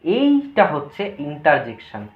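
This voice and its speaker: A woman's voice: sits low, wildly swooping pitch, a little slow. A woman teacher explaining a grammar lesson, asking her students questions and then answering them herself. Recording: echoey, dull lo-fi room recording.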